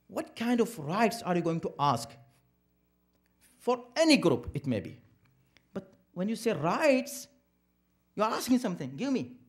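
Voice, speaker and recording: A man speaking at an interfaith program, lecturing a live audience and asking rhetorical questions that he answers himself. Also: sits high. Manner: emphatic, preacherly. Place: community center event.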